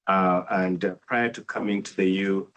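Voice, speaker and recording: A man in his thirties with a Kenyan accent, hoarse from a cold, introducing himself hesitantly to an audience as a physician. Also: deep voice, fairly even intonation, moderate pace, fairly bright tone. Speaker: oncology physician and faculty speaker. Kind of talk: informal self-introduction to an audience.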